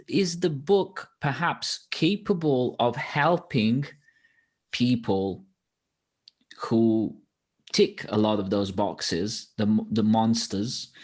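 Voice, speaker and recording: A man from Bosnia with a Bosnian accent, hosting a reflective interview and speaking hesitantly, with restarts and sighs. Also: medium pitch. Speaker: host.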